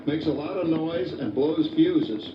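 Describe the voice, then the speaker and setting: Jolly joking dad, old vhs tape sound, muffled and echoey from far off, music under it. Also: male voice, on the high side, expressive, unhurried, noisy background. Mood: chatty. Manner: chatty, joking, chuckles often. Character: cheerful middle-aged family father. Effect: old VHS tape recording. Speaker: father narrating his family life. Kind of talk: scripted stage narration.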